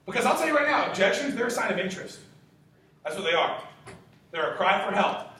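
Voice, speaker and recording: Young man, twenties, sales trainer, high-pitched, emphatic, rhetorical questions, casual swearing, very echoey room. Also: sing-song, quick pace, sharp tone. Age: 20s. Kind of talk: motivational sales training talk. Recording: very echoey room, distant mic, faint hiss.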